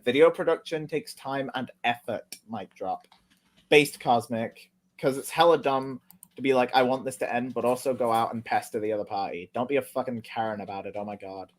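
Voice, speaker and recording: A man talking through an online argument in casual commentary, sarcastic and easily heated, cursing freely. His voice sits at an ordinary middle pitch. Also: normal speed. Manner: sarcastic, heated, swears a lot. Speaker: commentary video host. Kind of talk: casual commentary reading tweets.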